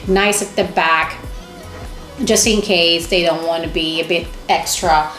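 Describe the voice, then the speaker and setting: A woman's voice: lowish voice, steady tone, a little slow, fairly bright tone. A woman vlogger chatting casually and enthusiastically to camera as she shows things off in a shopping haul. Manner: chatty, enthusiastic, exclaiming over items. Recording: echoey room with music underneath.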